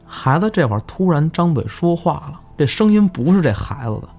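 A man's voice: a little high, brisk, slightly rough. Guy telling creepy village stories, voice jumps all over, music faint underneath. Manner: animated, swears in surprise, stammers in quotes. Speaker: guest storyteller. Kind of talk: casual spooky storytelling.

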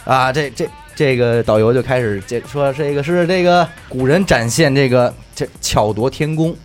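A man's voice: medium pitch, moderate pace, soft background music. A man with a Beijing accent telling stories casually and comically, slangy and teasing, often asking rhetorical questions. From Beijing, China. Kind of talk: casual comic storytelling among friends.

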